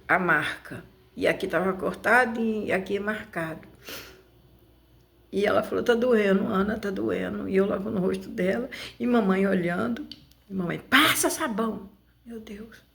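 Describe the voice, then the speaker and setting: A woman giving emotional personal testimony in a halting, repetitive way, with many restarts. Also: medium pitch, creaky. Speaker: interview guest.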